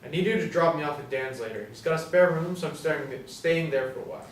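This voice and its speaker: A petty, easily needled young man, played by an actor argues every small point in a fairly high voice. The sound is roomy and distant from the mic, with a faint hiss behind it. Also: fast talker, close to an everyday voice. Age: 20s. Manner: pedantic, touchy, awkward. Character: fussy petty young man selling ice cream.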